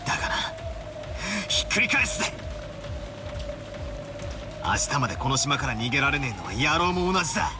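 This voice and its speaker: An actor playing a brash young man, grieving and furious, in rough slangy talk that swings from hushed whispers to shouting. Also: medium pitch, sing-song, fast, long pauses, over music, lightly acted. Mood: defiant. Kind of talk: Japanese game voice acting.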